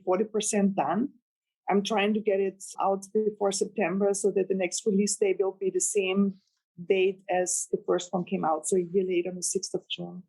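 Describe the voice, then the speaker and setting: A guest novelist from Austria, a native German speaker, chats in English with an Austrian accent during a casual interview. Her medium-pitched voice has a darkish tone, and she's earnest and rambling, laughing with delight, though the audio is poor.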